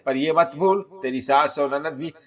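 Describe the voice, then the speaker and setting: A man's voice: a little high, moderate pace, natural voice. A man voicing a caring young married woman who earnestly advises her friend like an elder sister, in a storybook narration. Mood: advising. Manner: earnest, persuading, gently scolding.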